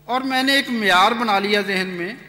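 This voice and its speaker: A man giving an earnest personal testimony, retelling events with animated quoted dialogue. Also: high-pitched. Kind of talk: storytelling testimony. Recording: echoey hall reverb.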